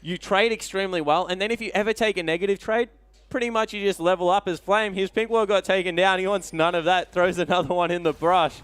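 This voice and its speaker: Man, esports analyst, slightly high voice, explanatory, live commentary. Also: steady tone, fast talker, fairly bright tone, clean tone, no echo. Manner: analytical, explains builds and trades.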